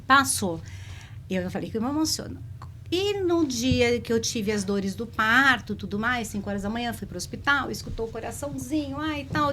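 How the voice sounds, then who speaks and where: A woman telling a personal story in a conversation, in a lively, emotional way. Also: a little high, a little hiss or hum. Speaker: spiritist speaker.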